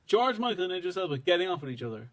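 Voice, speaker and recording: An Irish man co-hosting a relaxed podcast, joking and teasing with mock indignation. His voice sits fairly high for a man. He keeps the chat light and playful. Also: racing. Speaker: podcast co-host. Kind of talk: casual chat.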